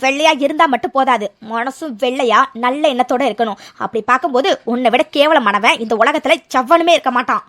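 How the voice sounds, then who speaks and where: A woman voicing a fierce young woman student in a cartoon serial, scolding in a shrill, indignant way. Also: fast talker, hardly any pauses, a bit bright. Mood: contemptuous.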